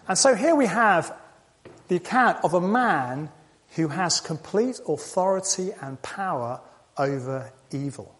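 A man's voice: high voice, lively intonation, unhurried, a bit bright. A man preaching a sermon in a conversational way, asking rhetorical questions and repeating key lines.

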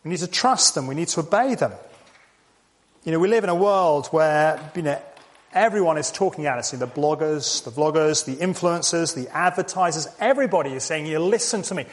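A man delivers a sermon in an easy, conversational manner. His voice sits a little high, and he leans on rhetorical questions and repetition to drive his points home. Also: expressive, fairly quick. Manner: conversational, rhetorical questions, repeats key lines. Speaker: preacher.

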